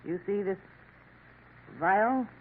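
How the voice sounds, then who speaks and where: Taking it slowly, a woman with a mid-range voice plays a scheming Parisian café woman in a 1950s radio drama, lightly acted. She's sly and knowing, coaxing with French endearments, and the old broadcast is tinny with a faint hiss.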